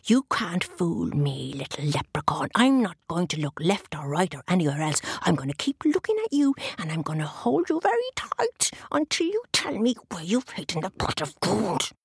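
A woman's voice: on the low side, sing-song, breathy edge, no room sound, studio quality, exaggerated voice. A woman voicing a determined, stubborn little girl who talks firmly and insistently. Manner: firm, insistent, slow and deliberate.

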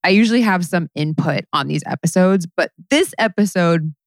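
A woman's voice: fairly low pitch, normal speed, dry recording, studio quality. A woman hosting a podcast, talking in a chatty, earnest way. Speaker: podcast host. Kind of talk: casual podcast chat.

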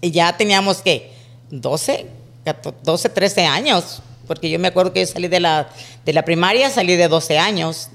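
A woman's voice: on the low side, moderate pace, gravelly. A middle-aged woman, a podcast guest telling childhood stories casually and acting out the dialogue. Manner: animated, acts out quoted dialogue. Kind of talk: casual storytelling.

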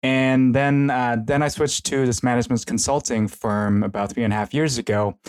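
A middle-aged South Korean esports consultant and professor speaks with a Korean accent as a guest in a casual conversational interview, chatting informally in a hesitant, rambling way. His voice is mid-range and a little mellow, with fairly even intonation and a moderate pace.

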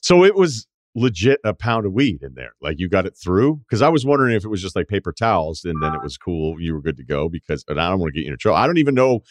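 A man's voice: sits low, very animated, quick pace, few pauses, no room sound. An American man hosting a sports podcast, talking in an informal, conversational way. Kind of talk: casual sports talk and ad reads.

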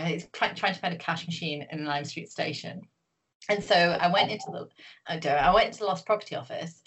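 This Newcastle woman has a low, slightly bright voice. Appearing as an author guest in a relaxed interview, she wanders through her answers, often restarting and leaning on filler words.

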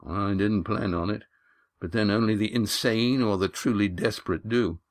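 A gruff, seasoned old sailor talks frankly about the sea, voiced by a man reading a storybook. His delivery is plain and blunt, with a lowish voice. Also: normal speed, natural voice. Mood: matter-of-fact.

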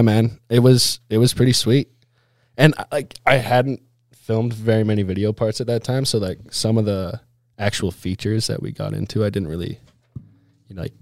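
Man, lowish voice, casual storytelling, laid-back snowboarder slang, lots of "like" and "dude", interview guest, dry close sound. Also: a little mellow, no room sound.

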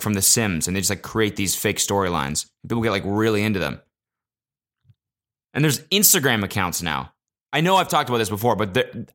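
A man hosting a casual solo podcast, talking into a podcast mic in an animated, profane rant that jumps between loud exclamations and low mutters. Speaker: podcast host. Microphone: podcast microphone.

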